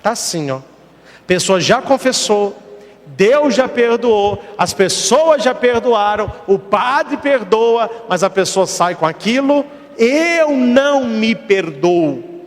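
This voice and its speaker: A man with a high, very lively voice preaches a sermon as a priest. He tells stories, acts out short exchanges and asks rhetorical questions. His voice rings out with a long hall reverb. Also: takes it slowly. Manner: storytelling with acted dialogue and rhetorical questions.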